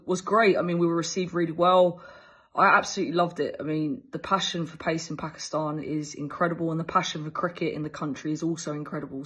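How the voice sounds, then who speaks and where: An Englishwoman in her thirties, a fast bowling coach for cricket, answers interview questions with enthusiasm over a video call, often using fillers and restarting sentences. Her voice is deep and slightly rough. She is in a small indoor room and speaks through earbuds.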